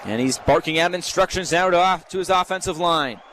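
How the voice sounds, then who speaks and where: Here a high, fairly bright male voice moves along quickly, with some chatter audible behind him. He's an American sportscaster delivering live radio play-by-play in clipped announcer bursts. Stadium ambience fills this noisy live broadcast.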